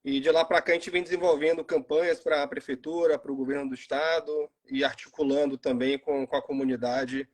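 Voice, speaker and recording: A man in his forties from Salvador with a Bahian Brazilian accent, chatting casually as a guest on a live video call and pausing often with fillers. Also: a little high. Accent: Bahian Brazilian Portuguese. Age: 40s. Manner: relaxed, halting with frequent fillers. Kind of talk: casual live stream chat. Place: at home in Salvador.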